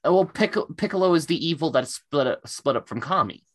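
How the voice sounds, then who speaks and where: A man's voice: on the high side, lively intonation, fairly quick. A man co-hosting a casual chat podcast, rambling with lots of fillers and self-deprecating enthusiasm. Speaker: podcast co-host.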